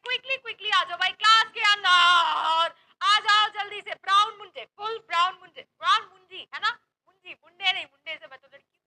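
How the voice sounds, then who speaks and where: A woman's voice: very high voice, pushed and bright, rough recording. A young woman from Uttar Pradesh with an Uttar Pradesh accent, teaching a maths class online in a chatty, playful, teasing way. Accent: Uttar Pradesh Hindi. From Uttar Pradesh, India. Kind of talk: lively online class, Hindi-English mix.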